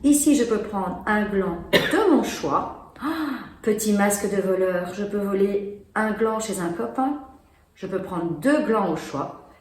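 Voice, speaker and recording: A woman's voice: medium pitch, lively intonation, measured pace. A woman casually presenting and demonstrating children's board games, explaining as she plays. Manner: chatty, explaining while playing. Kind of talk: casual product demo. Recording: echoey room with faint noise.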